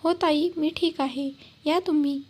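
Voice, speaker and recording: A woman's voice: high-pitched, fairly even intonation, a little slow, darkish tone. A woman voicing a bitter young mother who answers coldly and with mockery. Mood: tender. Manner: cutting, mocking tone.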